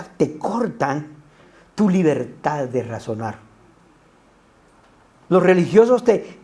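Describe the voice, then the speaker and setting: A pastor preaching a sermon, animated and full of rhetorical asides to the congregation. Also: male voice, high-pitched.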